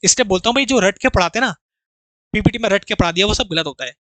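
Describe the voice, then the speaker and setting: A man's voice: high voice, expressive, fast, bright, forceful tone, no room sound. A man teaching an exam-prep grammar lesson, explaining through rhetorical questions and repetition and speaking to his students familiarly as brothers.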